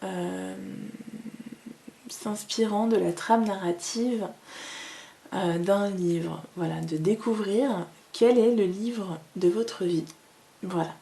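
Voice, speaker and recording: Slow, gravelly-voiced woman reading cards. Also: medium pitch. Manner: hesitant, many fillers, calm and soft-spoken. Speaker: tarot reader. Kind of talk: slow casual card-reading guidance.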